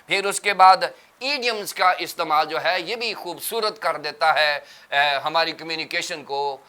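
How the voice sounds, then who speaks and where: A man's voice: fairly high pitch, sharp tone, smooth. A man, a pastor on a religious TV panel, explains terms step by step in a teacherly way.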